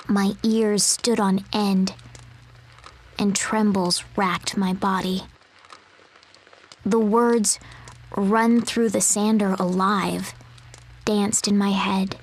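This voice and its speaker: A woman voicing a timid little animal who poses as a girl, narrating a game story in a soft, measured way. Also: medium pitch, a little hiss or hum, lightly acted, low-quality recording.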